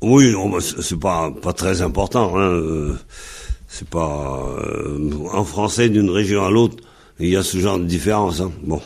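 A man's voice: low-pitched, unhurried, gravelly, darkish tone. A man teaching Breton on a radio lesson, patiently repeating and spelling out word forms.

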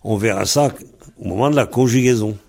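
A man's voice: on the low side, a little fast, gravelly, darkish tone, breathy edge. A man teaching a language lesson, explaining pronunciation step by step and spelling out letters.

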